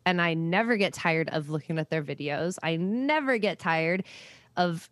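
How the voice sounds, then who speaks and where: A woman's voice: lowish voice, lively intonation, normal speed, fairly bright tone, dry recording. A woman co-hosting a casual podcast, talking in a playful, rambling way that often restarts mid-sentence. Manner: playful, rambling, self-correcting. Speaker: podcast co-host. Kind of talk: casual chat.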